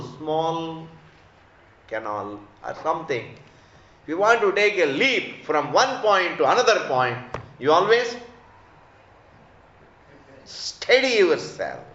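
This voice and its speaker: A man with an Indian accent delivers a religious discourse at a slow, deliberate pace. He teaches emphatically, restating phrases and putting rhetorical questions to listeners. The recording is echoey and a little dull, with a mid-pitched voice. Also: a bit bright. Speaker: spiritual teacher giving scripture discourse. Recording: echoey room, slightly dull sound.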